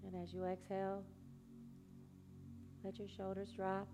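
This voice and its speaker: A woman minister leading a congregation in prayer and guided meditation, speaking slowly and soothingly. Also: medium pitch, monotone. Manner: slow, soothing, gentle. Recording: music playing behind the voice.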